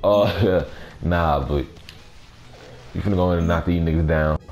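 A young man with a raspy voice doing casual, slangy, playfully complaining commentary over a video game. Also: low-pitched, a little slow, darkish tone. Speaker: gaming video host. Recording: noisy track with game sounds behind. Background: video game audio.

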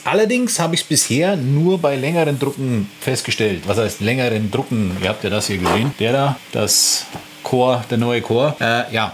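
A man in his thirties chatting casually to camera from his home workshop, rambling with self-mocking asides. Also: mid-range voice. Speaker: 3D printing channel host. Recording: faint printer noise in room. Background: faint 3D printer hum.

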